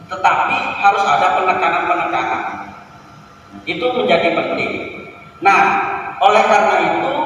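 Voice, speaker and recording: A man's voice: high voice, sharp tone, distant mic, slight background noise. Man lecturing teachers in an echoey hall. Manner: rhetorical questions, stresses key words. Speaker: teacher trainer.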